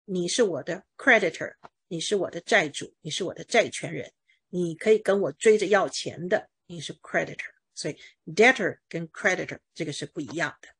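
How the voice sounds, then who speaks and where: A woman's voice: on the low side, moderate pace, fairly bright tone, breathy edge. A woman teaching English pronunciation, explaining patiently with everyday examples and drilling words with her student. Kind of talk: pronunciation lesson.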